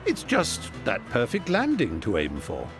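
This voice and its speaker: Man, mid pitch, highly lively range, scripted TV documentary narrator, playful and wry, music bed. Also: measured pace.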